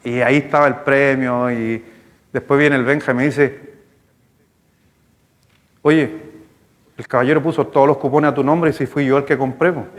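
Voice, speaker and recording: A male pastor with a Chilean accent, preaching a sermon in a lively, storytelling way, speaking to the congregation. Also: mid-range voice, moderate pace, long pauses. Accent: Chilean Spanish. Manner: storytelling, animated, conversational with congregation. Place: church hall. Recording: long hall reverb in church.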